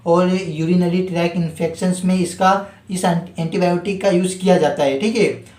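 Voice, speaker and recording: Teaching pharmacy in a relaxed spoken lesson, a man keeps tripping over his words, correcting himself and checking in with filler. His high-pitched voice is steady and a little mellow, captured in poor audio with an echoey room.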